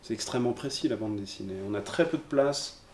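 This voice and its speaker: A man's voice: medium pitch, a little fast. A man, a comic book writer, answering interview questions thoughtfully and searching for his words. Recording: roomy echo, faint noise.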